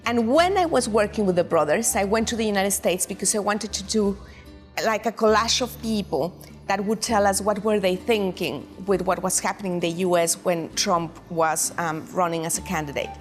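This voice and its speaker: A woman's voice: medium pitch, normal speed, soft background music. A woman from Mexico with a Mexican accent, a documentary director answering interview questions in a reflective, searching way with frequent restarts.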